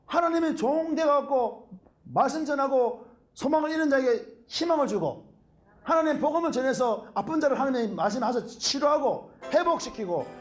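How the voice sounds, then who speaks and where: Man, middle-aged, pastor preaching a sermon, high-pitched, very animated delivery. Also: normal speed. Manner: animated preaching, calls out hallelujah often.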